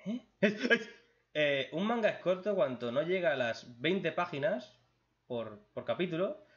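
Chatting casually, a blunt man reads viewer questions and responds with crude humor and jokes. His voice is a little high for a man and a bit bright; he's expressive and a little slow. The lo-fi recording sounds dull.

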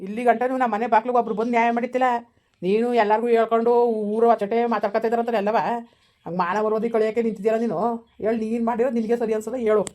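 A blunt village elder, acted by a woman, scolds a younger relative in a village family drama. Her comes out fast and a little high. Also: steady tone, darkish tone, lightly acted. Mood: scolding.

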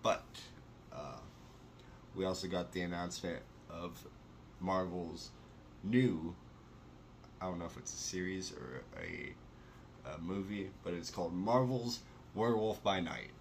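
A man's voice: low-pitched, measured pace, long pauses, slight background noise. A young man in a casual sit-down news chat from his bedroom, enthusiastic and full of fillers. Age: young adult. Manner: chatty, enthusiastic, many fillers. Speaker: vlogger. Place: small bedroom, indoors. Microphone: camera close to face.

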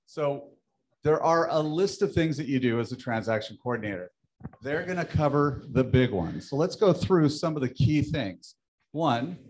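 A man presenting a new program at an office team meeting, candid and matter-of-fact as he explains it. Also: mid-range voice.

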